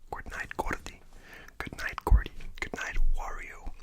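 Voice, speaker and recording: A young man whispering names over and over as ASMR trigger words, with casual joking asides, in a whispered role-play. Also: unhurried. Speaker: ASMR creator.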